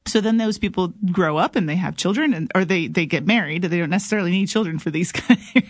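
A woman's voice: lowish voice, fast, dry recording, clean studio sound. A woman talking casually as a guest on a talk show, conversationally voicing imagined everyday exchanges. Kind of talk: casual chat.

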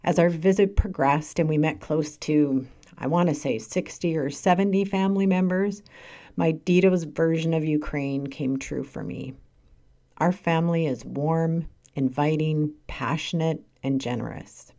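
Canadian woman in her 40s, low mellow voice, earnest measured read. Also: fairly even intonation. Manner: earnest, measured reading with emphatic stresses. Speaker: podcast host. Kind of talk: scripted personal monologue.

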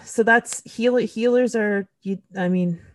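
A woman's voice: mid-range voice, slow pace. A woman from Canada hosting a podcast, telling a candid, emotional personal story in casual conversation, with blunt swearing. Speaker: podcast host.

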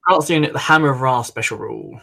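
A man co-hosts a hobby podcast, reading tabletop rules aloud in a brisk, matter-of-fact way. His pitch is middling and he moves along quickly. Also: gravelly, bright, forceful tone. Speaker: podcast co-host. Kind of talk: reading out game rules in casual chat. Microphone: remote call.

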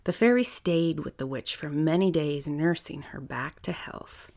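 Woman storyteller, low and husky-gravelly, calm bedtime read. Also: unhurried. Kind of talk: children's story reading.

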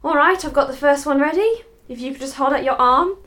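A woman acting in an audio drama as a brisk, no-nonsense member of a research base. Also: sits high, a bit bright. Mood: patient, firm.

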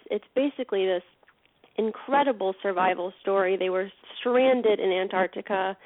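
A woman's voice: mid-range voice, no room sound. A woman speaking as a leadership consultant guest in a radio interview, explaining her work enthusiastically. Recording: dry, tinny phone line.

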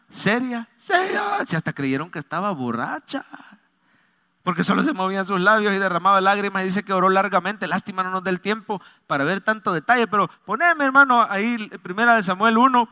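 A pastor preaching a sermon to a church, swinging between loud exhortation and soft asides. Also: male voice, high-pitched.

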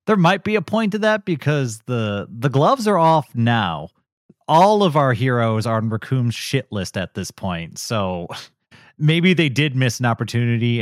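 A man chatting in a relaxed podcast conversation, quick to laugh and talking things through as they come to him. His voice has a medium pitch. The sound is dry and close, with no noticeable room. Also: no echo. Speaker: podcast co-host. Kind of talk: casual review chat.

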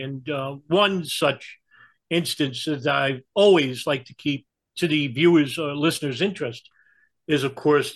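A man's voice: mid-range voice, fairly bright tone, rough recording. New York man explaining in conversation. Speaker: interview guest giving political and historical commentary.

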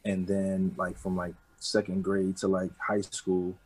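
A husky man from the Bronx speaks with a New York accent. His delivery is flat and low, with little rise or fall. He talks loosely and casually, like someone telling a story to a friend. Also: a little slow, poor audio. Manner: loose and street-casual, with frequent "you know what I'm saying". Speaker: guest. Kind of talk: casual interview talk.

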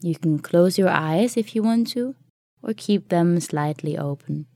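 A woman leads a guided meditation in a soft, soothing voice. Her delivery is very slow, with long pauses between phrases. The tone is dark and mellow, captured in a close, dry sound. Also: lowish voice, no room sound.

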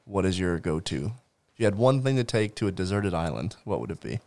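A man's voice: sits low, very animated, a little fast, a little mellow. A man co-hosting a podcast, chatting in an upbeat, easygoing way. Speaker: co-host. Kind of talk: casual chat.

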